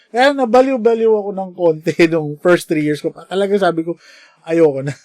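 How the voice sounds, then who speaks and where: A middle-aged man from the Philippines, a nurse, telling animated anecdotes in a casual chat. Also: high-pitched, a little fast, no room sound, studio quality. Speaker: podcast guest, nurse.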